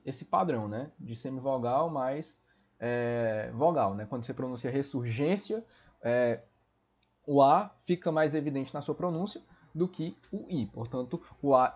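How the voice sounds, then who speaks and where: A man teaching a Portuguese grammar lesson for exam preparation, explaining step by step and checking in often with quick tag questions. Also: medium pitch, darkish tone, husky.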